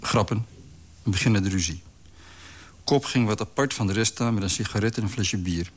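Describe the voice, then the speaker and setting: A man reading a literary story aloud in a calm, measured way. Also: lowish voice. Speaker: narrator. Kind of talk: scripted literary narration.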